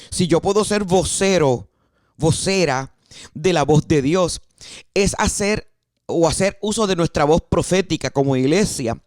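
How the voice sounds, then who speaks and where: A woman's voice: deep voice, a little mellow, no echo. Puerto Rican woman preacher, emphatic sermon delivery, dry close sound. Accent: Puerto Rican Spanish. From Puerto Rico. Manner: emphatic, repeats key phrases.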